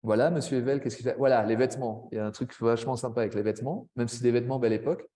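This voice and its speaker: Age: adult. Sex: man. Role: teacher trainer. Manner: chatty, peppers speech with tags, mid pitch. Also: steady tone, mellow. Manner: chatty, frequent "hein" tags, quick asides. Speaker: French language teacher trainer. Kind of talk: webinar presentation.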